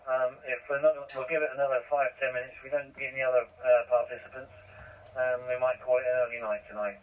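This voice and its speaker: A man's voice: mid-range voice, fast. Man with an Essex accent on radio. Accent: Essex English. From Essex, England. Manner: relaxed, chatty, many fillers. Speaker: radio net controller. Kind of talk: amateur radio chat with call signs. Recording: distant, muffled radio transmission.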